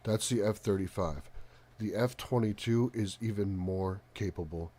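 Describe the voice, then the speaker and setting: Soft-spoken man with a very low voice. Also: slightly rough. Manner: halting, frequent pauses and ums. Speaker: live talk show host. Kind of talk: live stream commentary, casual.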